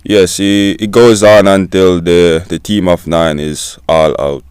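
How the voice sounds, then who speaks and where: Jamaican guy in his 20s, low voice, super clear, talks slow and soft in an interview. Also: level tone, no echo, clean studio sound. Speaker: guest student-athlete. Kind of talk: casual interview.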